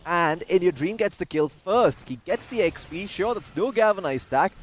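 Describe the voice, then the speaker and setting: A man's voice: sits high, animated, normal speed, slight background noise. A man casting a live esports match, chatty and jokey, with self-deprecating asides. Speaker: esports caster. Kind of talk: live game commentary.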